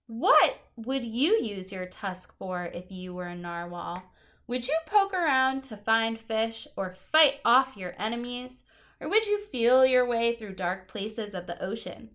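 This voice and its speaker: A teacher reads a children's nonfiction picture book aloud, slowly and with a lively pitch, adding short asides. She is expressive and explanatory, stressing key words for her young listeners.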